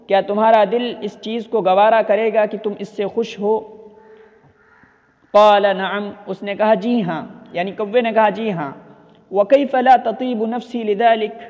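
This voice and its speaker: A man's voice: high-pitched, a little mellow. A man teaching a lesson, reading Arabic phrases and explaining each one several times in other words. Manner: reads an Arabic phrase, then explains it repeatedly with synonyms. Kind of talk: line-by-line Arabic text translation lesson. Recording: dull lo-fi audio with long reverb.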